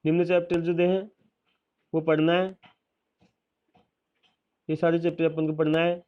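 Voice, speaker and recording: A man's voice: fairly high pitch, level tone, a little slow, smooth, lo-fi sound. A man teacher, steadily listing a school syllabus and adding reassuring asides.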